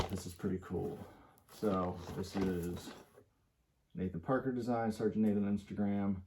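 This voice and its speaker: A man with a lowish voice chats eagerly through an unboxing, rambling with fillers and a little short of breath. Clicks, drawer sounds and steady background noise run under the recording. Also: slow, long pauses. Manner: enthusiastic, rambling, many fillers. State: slightly out of breath. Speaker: toy collector vlogger. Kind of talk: casual unboxing commentary.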